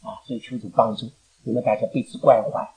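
An older woman speaking to her church congregation, animated and rambling, laughing often and slipping in English phrases. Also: a bass voice, fast. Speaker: elderly church member giving thanks. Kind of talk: emotional speech to a congregation. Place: church gathering.

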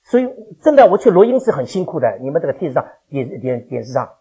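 An older man preaching a sermon to his congregation as their pastor, animated and chuckling as he fires questions at the listeners. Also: on the high side, quick pace, husky. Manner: animated, quizzes the congregation with questions, laughs often. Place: church.

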